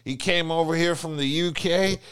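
Man, young adult, podcast co-host, casual profane banter, smooth voice, dry sound. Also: fairly high pitch, normal speed, no room sound. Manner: animated storytelling, profane. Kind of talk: casual chat.

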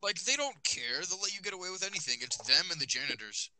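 A man's voice: high-pitched, animated, fast talker, pushed and bright, poor audio. A teenage boy hosting a casual podcast with friends, rambling with lots of fillers, recorded on a phone. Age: teens. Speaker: podcast host. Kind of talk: casual chat.

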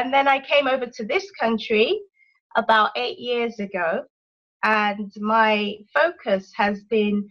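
Slow-talking woman on a call. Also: mid-range voice, fairly bright tone, highs cut off. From London, England. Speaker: podcast guest, life coach. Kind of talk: casual interview chat.

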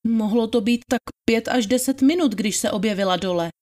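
Taking the role of a respectful young housemaid on the witness stand, a woman gives simple, courteous testimony in a dramatized trial reading. Her voice is fairly high with a darkish tone and close to her everyday speech.

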